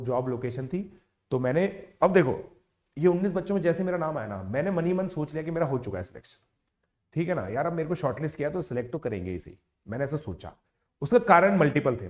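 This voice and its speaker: A man in his thirties, speaking as an educator, tells students a personal story in a lively, conversational way. He keeps checking in with his audience and drops English words into his speech. His voice sits at an ordinary middle pitch. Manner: chatty, animated, with frequent "theek hai" check-ins; mixes English words into Hindi. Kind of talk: casual motivational storytelling to online students.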